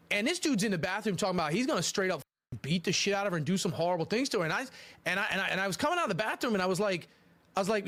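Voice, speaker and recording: A man's voice: high voice, a bit bright. A man telling a casual story from a streaming clip, rambling and repeating himself, stumbling over his words.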